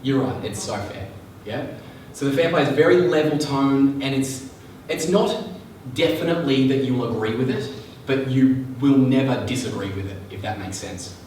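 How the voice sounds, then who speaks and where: A man's voice: medium pitch, moderate pace, hardly any pauses, darkish tone, slight background noise. A male sales trainer teaching a live seminar, chatty and often checking that the audience is following. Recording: echoey room, mic far off.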